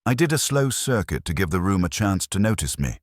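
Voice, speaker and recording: An audiobook narrator reads scripted first-person detective fiction in a wry, hardboiled style. His low voice is very animated and a little fast, captured in clean studio sound with no echo.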